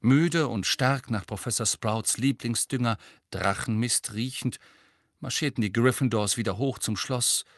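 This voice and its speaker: A man narrating an audiobook in a steady, measured reading. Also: medium pitch, dry recording, studio quality. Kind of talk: scripted narration.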